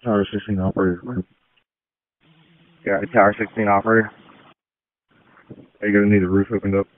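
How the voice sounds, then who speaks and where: An American man playing a fire incident commander gives orders over two-way radio as emergency dispatch traffic. His lowish voice is level and fairly quick, and the audio is muffled and tinny with no echo.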